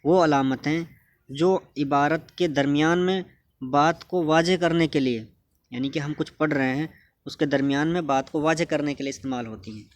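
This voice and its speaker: A man's voice: a little high, moderate pace. Patient man teaching a grammar lesson. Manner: patient, asks and answers his own questions.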